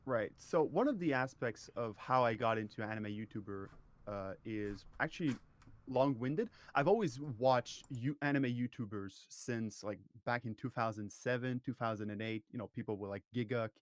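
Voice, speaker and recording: A man's voice: medium pitch, moderate pace, no room sound. A man guest on a podcast, talking thoughtfully and at length, often restarting his sentences. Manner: long-winded, thoughtful, frequent restarts. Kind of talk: casual podcast conversation.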